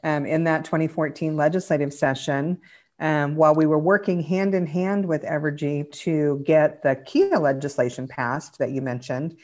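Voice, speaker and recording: Low-voiced woman explaining policy. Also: steady tone, darkish tone. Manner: measured, frequent ums and restarts. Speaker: clean energy advocate guest. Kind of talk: casual podcast interview.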